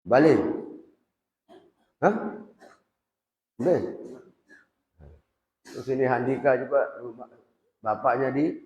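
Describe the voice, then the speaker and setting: A man gives a relaxed religious lesson, chatting with his students and stopping to quiz them directly. His voice rings through a roomy hall with a long reverb tail. The recording is dull and lo-fi. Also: medium pitch, moderate pace. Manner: conversational, quizzes students directly. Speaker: Islamic boarding school teacher. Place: boarding school prayer hall. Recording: echoey hall, dull lo-fi sound.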